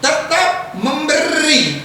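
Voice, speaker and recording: A male preacher delivers a lively sermon and acts out people's prayers. He keeps tossing quick questions to the congregation. His fairly high voice rings through a very echoey church hall, picked up from a distance over steady noise.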